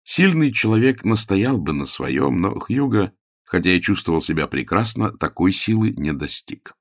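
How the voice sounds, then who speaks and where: Deep-voiced man narrating a story. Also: big pitch swings, no echo, studio quality. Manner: measured storytelling, shifting voices for characters. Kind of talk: audiobook narration.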